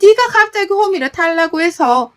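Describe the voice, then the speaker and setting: A woman voicing a cranky older mother-in-law who scolds loudly and whines in blame. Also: animated, normal speed. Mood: whining blame. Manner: shrill, loud scolding and complaining.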